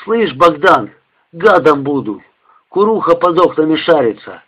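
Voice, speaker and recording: A man voicing a coarse young soldier in a barracks who grumbles in a creaky mutter. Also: a little high, very animated, a little slow, a bit bright, highs cut off, full character voice. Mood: grumbling.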